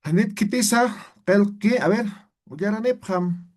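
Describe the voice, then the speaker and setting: A man's voice: high-pitched, normal speed. A male language teacher correcting his students' pronunciation in an online class, speaking patiently and hesitantly with many fillers. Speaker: Aymara teacher.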